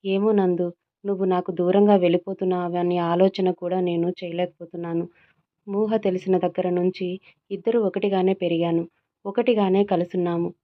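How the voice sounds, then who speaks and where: A woman's voice: on the low side, natural voice. A woman voicing a possessive, tearful young female best friend who scolds and pleads. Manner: scolding, then pleading and sobbing. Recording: tinny phone-like audio.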